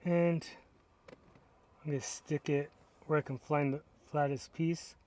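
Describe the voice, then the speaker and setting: A man with a fairly high voice casually narrates a product review at a measured pace. Relaxed, he explains each step as he works with his hands.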